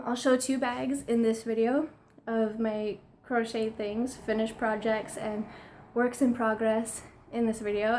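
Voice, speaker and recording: A young woman chatting casually in a show-and-tell vlog, a little out of breath and excitable, with frequent ums. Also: a little high, a little hiss or hum. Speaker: crochet vlogger. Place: home room lit by daylight.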